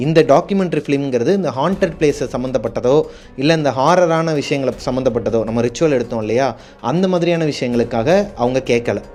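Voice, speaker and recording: A man's voice: mid-range voice, quick pace, darkish tone, faint music behind. A man, hosting a show and telling horror stories in a chatty way, talking straight to his viewers. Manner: chatty, addresses viewers directly. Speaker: horror story host. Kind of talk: casual horror storytelling.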